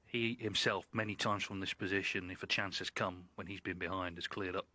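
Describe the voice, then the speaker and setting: A man giving hushed live snooker commentary in a measured, reflective manner. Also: deep voice, steady tone, dry recording. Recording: live broadcast with audience behind. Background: snooker arena crowd.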